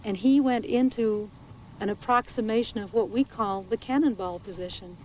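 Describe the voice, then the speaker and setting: Measured woman ranger, halting retelling. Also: medium pitch, a little mellow, slight background noise, poor audio. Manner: measured, halting, with small restarts. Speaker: naturalist and park ranger. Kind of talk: interview recounting a bear attack. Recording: 1980s VHS documentary interview.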